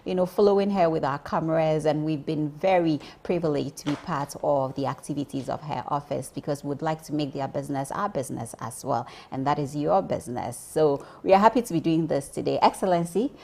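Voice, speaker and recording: Woman TV interviewer, low gravelly voice, gushing and warm with guests, lots of ums. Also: fairly quick, few pauses. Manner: enthusiastic, effusive, many ums. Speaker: TV show host. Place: TV studio.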